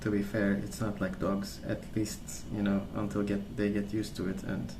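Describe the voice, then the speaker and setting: In a roomy recording with noticeable background noise, a male ASMR creator with a lowish voice rambles softly and unhurriedly, his calm, gentle tone suited to casual storytelling.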